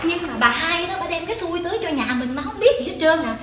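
A woman's voice: extremely high pitch, expressive, fast talker. A woman with a Southern Vietnamese accent playing a whiny, gossipy grown daughter in a live stage comedy sketch, teasing and complaining. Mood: whining. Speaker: comic stage actor. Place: large theater stage. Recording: echoey stage with background noise.

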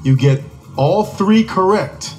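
A man's voice: high-pitched, animated, takes it slowly. A man hosting a game show in a TV studio, talking a contestant through the game. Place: large TV studio. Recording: music and crowd behind. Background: music and studio audience.

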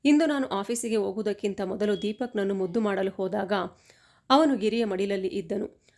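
A woman's voice: medium pitch, fairly quick, a little mellow. Woman steadily narrating a storybook tale. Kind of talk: first-person storybook narration.

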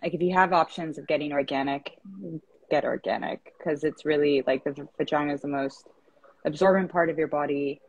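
A woman's voice: deep voice, steady tone, fairly quick, breathy edge, muffled recording. A woman in her thirties from East Africa, a founder talking as an interview guest over a video call, chatty with lots of fillers and restarts.

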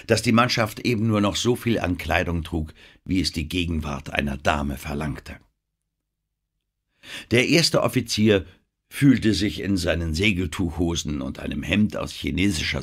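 Deep, husky man narrating. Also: a bit bright. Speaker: audiobook reader. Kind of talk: scripted narration.

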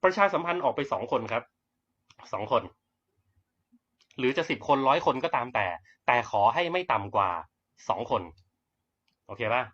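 A young man giving a blunt, brash network-marketing pitch on a livestream, swearing casually as he talks. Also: expressive, moderate pace, pauses often, a bit bright, slightly rough. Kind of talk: live-streamed sales pitch. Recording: dull lo-fi livestream audio.

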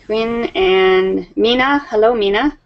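Over a webcam on a video call from an indoor room at home, a woman in her fifties leads an English class in a slow, friendly manner, laughing often and showing patience with her students. Her voice is mid-range and slow, and the audio sounds dull.

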